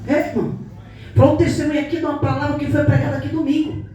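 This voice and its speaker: A woman's voice: high-pitched, level tone, quick pace, mellow. Woman, pastor, fervent sermon, roomy church echo, noisy background. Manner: emphatic, fervent preaching. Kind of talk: sermon with testimony. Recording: echoey church hall from far off, noisy.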